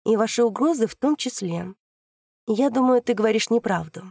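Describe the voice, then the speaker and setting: A woman reading an audiobook, voicing a fearless female investigator who argues in a calm, methodical way. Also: on the high side, moderate pace, vocal fry, dry recording, pitched above the performer's own voice. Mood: pressing.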